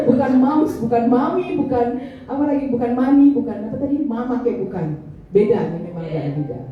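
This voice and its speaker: In a large, echoey church hall, a middle-aged woman pastor teases her listeners through a light, conversational sermon. Her fairly high voice is very animated and moderately paced. Music plays, and the far-off mic gives the sound a dull quality.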